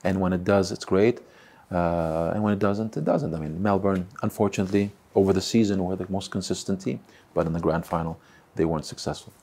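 A man in his forties speaks in a deep, mellow register with a gravelly, husky grain. He answers questions in a seated interview, stumbling over and repeating words and filling pauses with "uh". He sounds close to the mic in an indoor room. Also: slight background noise. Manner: halting, repeats words, many fillers. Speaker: football club chairman. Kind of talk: sit-down interview. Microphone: close mic, seated on camera.

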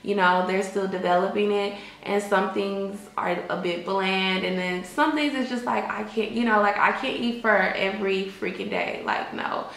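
A young woman talks in a mid-range voice, giving casual, emphatic advice to the camera. Her delivery is conversational, with plenty of filler phrases. The small room adds a clear echo. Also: mid-range voice, steady tone, moderate pace, few pauses, fairly bright tone. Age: young adult. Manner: conversational, emphatic, peppered with "like" and "you know". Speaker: vlogger giving advice to expat English teachers. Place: small indoor room with bare walls. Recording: echoey untreated room.

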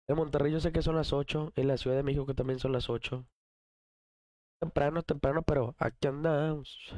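A man with a Mexican Spanish accent, chatting casually on a morning live stream, slangy and hyped, his voice a little rough from a cough. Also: medium pitch, warm tone, dry recording.

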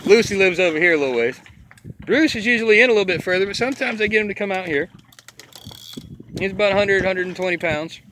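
A man with a slightly high voice coaches someone through a fight with a fish, cracking jokes and laughing often. He talks outdoors on an open boat, with wind and engine noise clearly present behind him. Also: animated, a bit bright. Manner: joking, laughs often, gives quick instructions. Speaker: fishing charter captain. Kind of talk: casual coaching while fishing.

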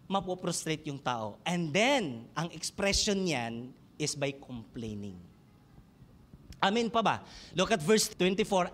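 A pastor with a Filipino accent preaches a sermon in church, switching between Tagalog and English and putting questions to the congregation. His voice is very high with a sharp tone.

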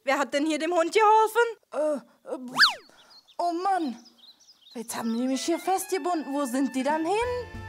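A woman's voice: sits high, animated, measured pace, loud music behind the voice. A woman puppeteer voicing a grumpy, bossy male dog catcher in a children's puppet show, with a scolding, indignant manner.

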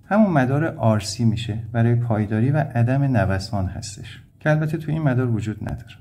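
A man from Iran with a medium-pitched, warm and animated voice teaches electronics. He explains things step by step in a plain, methodical manner, with music in the background.

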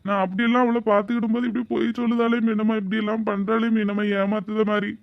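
Brief: a wronged young husband in a cartoon, high-pitched and rapid, complaining. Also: male voice, level tone, creaky, highs cut off. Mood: aggrieved. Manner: complaining, aggrieved, rhetorical questions. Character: exasperated young husband, wronged and self-pitying.

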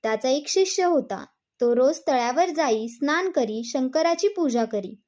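A woman with a high voice narrates a devotional folk tale from a script. She tells it smoothly and evenly, the way a storyteller reads to listeners. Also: lively intonation, measured pace, darkish tone.

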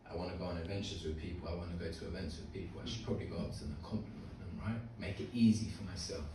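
A man in his twenties giving an informal, earnest, rambling live piece to an audience, swearing now and then and sounding halting and nervous with stage fright. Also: deep voice, steady tone. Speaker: open mic speaker. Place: small indoor open mic venue. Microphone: handheld mic, filmed by phone from audience. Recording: echoey room from far off, faint noise.

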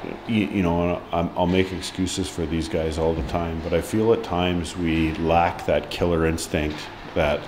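In this post-match press interview, a man in his forties, the hockey head coach, talks in front of a sponsor board in an indoor press room. He speaks very low and haltingly, restarting often, saying "um" a lot and being frank. A steady hum sits under the audio.

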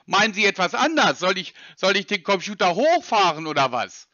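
Man doing a confused caller, high lively voice, bright tone, dry dull phone sound. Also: a little fast, no room sound, heavily acted. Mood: stubbornly puzzled. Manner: feigns confusion, stubborn repeated questions. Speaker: scam-baiting caller. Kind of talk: prank call, playing dumb.

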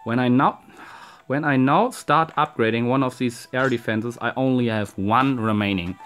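A man's voice: mid-range voice, moderate pace, a bit bright, smooth, faint music behind. A young man with a German accent commentates a strategy game he is playing at home, cursing at his troops and talking to his viewers. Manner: frustrated, swearing, talks to viewers. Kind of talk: casual gameplay commentary.

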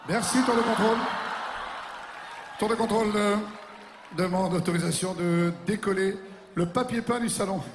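A man's voice: high voice, moderate pace, long pauses. A man playing an airline captain in the cockpit who runs the pre-flight checklist and makes goofy cabin announcements, cracking puns. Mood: jokey announcing. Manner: goofy, pun-loving, chuckles at his own jokes. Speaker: pilot making cabin announcements. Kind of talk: stage comedy sketch. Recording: echoey large hall with ambient noise.

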